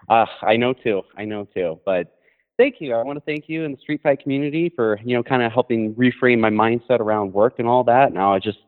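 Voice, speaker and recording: A man from Colorado calling in to a talk show over the phone, speaking in a hesitant, halting way with many fillers and restarts. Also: medium pitch. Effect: heard over the phone. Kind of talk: casual call-in chat. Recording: tinny phone line.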